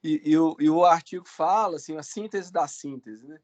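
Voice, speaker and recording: Brief: man, higher pitch, hesitant questioner. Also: moderate pace, a little mellow, muffled recording. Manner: hesitant, searching for words. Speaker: participant asking a question.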